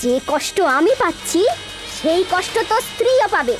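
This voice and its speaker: High-pitched vengeful serpent woman. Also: big pitch swings, normal speed. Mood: vengeful anguish. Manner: theatrical, threatening, declamatory. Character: grieving vengeful female serpent swearing revenge on killer. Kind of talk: melodramatic film acting. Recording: loud film music behind voice.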